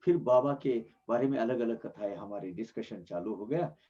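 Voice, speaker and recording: On a dull lo-fi recording, a religious discourse speaker comments earnestly on scripture. His warm, medium-pitched voice moves at a moderate pace, and he explains emphatically, frequently starting phrases over.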